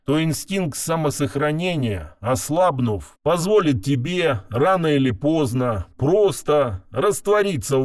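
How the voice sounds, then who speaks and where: A man reading an audiobook voices a woman curator whose disguised voice comes through a speaker, harsh and metallic, calm and clinical. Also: medium pitch, dry recording, clean studio sound. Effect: harsh metallic loudspeaker voice. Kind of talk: audiobook narration with voiced characters.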